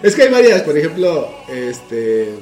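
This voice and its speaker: Young man, Mexican accent, slangy casual chat, slightly high voice, roomy room, clear music underneath. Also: sing-song, a little slow, darkish tone. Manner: slangy, laughs often while talking. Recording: roomy sound with music playing behind.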